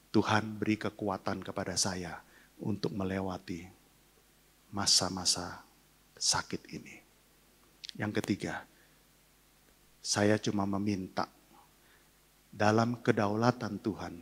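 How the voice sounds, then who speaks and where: A man's voice: on the low side, slightly rough. An older male pastor preaching a sermon, sharing an emotional personal testimony and leading a congregation in prayer.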